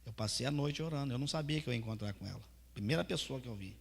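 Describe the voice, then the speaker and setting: A man preaching a sermon as pastor, telling his testimony with fervent storytelling that swings from soft to loud. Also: medium pitch, rapid-fire, creaky. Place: church hall. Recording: reverberant church hall.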